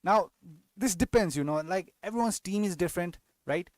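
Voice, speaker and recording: In clean studio sound with no echo, a young fantasy football channel host from Nepal runs a casual live-stream Q&A. He speaks high-pitched at normal speed, frequently restarting sentences and adding tag questions.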